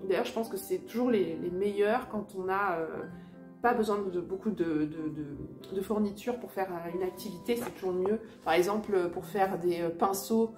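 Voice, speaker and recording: A woman's voice: mid-range voice, moderate pace, darkish tone, soft background music. A woman casually showing children's books at home beside a fireplace, hesitant, with many fillers and restarts. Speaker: vlogger and mother sharing children's books. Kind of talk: casual show-and-tell chat. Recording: roomy echo.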